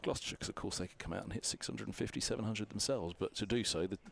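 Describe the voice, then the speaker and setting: A man with a lowish, gravelly voice commentating on cricket from a balcony box. He is chatty and analytical, working through scores aloud with plenty of fillers. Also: racing, fairly bright tone.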